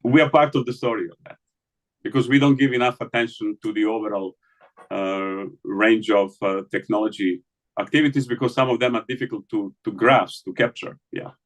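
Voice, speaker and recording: A man's voice: on the low side, steady tone, fairly quick. A man from the Balkans, an interviewed scholar, speaking hesitantly in an academic conversation with many fillers and restarts.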